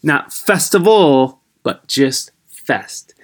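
Male podcast host, mildly high, halting and rambling, voice sits a bit high, tinny laptop-mic sound. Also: expressive. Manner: rambling, halting, loses his train of thought. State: a little high. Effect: recorded through a laptop's built-in microphone, tinny. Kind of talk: casual podcast intro. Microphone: laptop built-in microphone.

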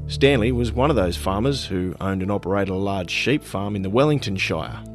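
A low-voiced man delivers scripted podcast narration in a measured, deliberate tone. Faint music plays beneath him. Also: animated.

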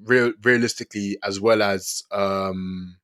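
A young Londoner with urban slang hosts a casual football podcast discussion. His voice is lowish, steady and fairly bright, and he takes his time, repeating himself in slangy phrasing.

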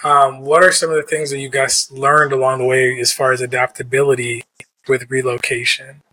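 A man's voice: mid-range voice, level tone, moderate pace, pushed and bright, low-quality recording. A man hosting a podcast interview, encouraging his guest with frequent "yeah" and "mm-hmm". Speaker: podcast host.

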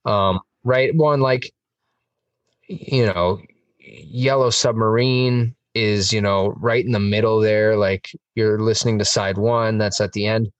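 A man's voice: fairly low pitch, steady tone, slow pace, dry recording, distant mic, highs cut off. A man chatting on a music podcast, enthusiastic and rambling, with lots of fillers. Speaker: podcast host. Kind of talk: casual music podcast chat.

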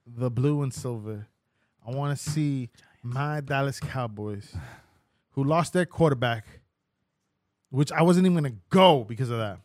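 A man co-hosting a podcast in loud, joking casual chat, swearing and laughing often. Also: medium pitch, unhurried, long pauses, dry recording, studio quality. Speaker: podcast co-host.

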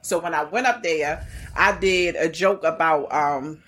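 Female comedian as podcast guest, Baltimore accent, raspy-edged voice, frank and salty casual talk. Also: sits low, measured pace, a bit bright. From Baltimore, United States. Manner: blunt, profane, slangy. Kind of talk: casual candid chat, storytelling.

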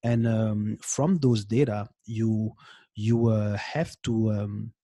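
A man's voice: fairly low pitch, steady tone, slow, dark tone, no echo. Hesitant man from Belgium, dry sound. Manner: hesitant, many fillers and restarts. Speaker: guest expert, consultant. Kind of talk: interview answers.

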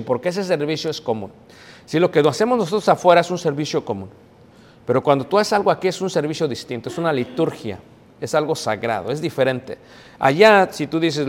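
A man preaching a teaching sermon, explaining step by step with frequent fillers. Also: mid-range voice. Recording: echoey hall with long reverb.

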